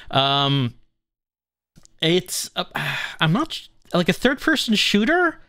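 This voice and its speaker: A man's voice: fairly high pitch, fairly bright tone, clear, resonant tone, dry recording, studio quality. A man hosting a gaming video, chatting casually and musing as he plays. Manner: musing, conversational. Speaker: gaming channel host. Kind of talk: casual game commentary.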